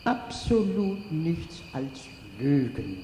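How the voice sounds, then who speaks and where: A man voicing a sly darkness that speaks softly and ironically. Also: fairly high pitch, sing-song, very slow, exaggerated voice. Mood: ironic. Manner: soft, ironic, gloating. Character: sly, ironic, soft-spoken darkness, male. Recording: echoey room with long reverb, faint noise.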